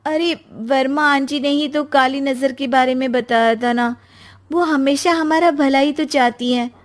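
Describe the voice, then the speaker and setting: A woman's voice: high voice, fairly even intonation, measured pace. A woman voicing a cheerful, trusting young wife in a cartoon story. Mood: anxious.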